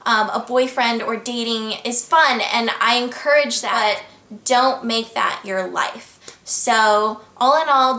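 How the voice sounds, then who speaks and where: An American young woman vlogs from home, answering viewer questions on camera in a chatty, earnest and upbeat manner. Her slightly high voice is crisp and bright, and the room has a noticeable echo.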